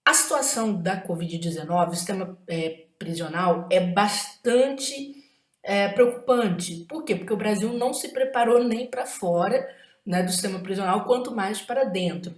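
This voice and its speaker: A woman's voice: mid-range voice, normal speed, roomy sound. A woman with a Brazilian Portuguese accent gives an exam-prep writing lesson, emphatic and often checking in with tag questions.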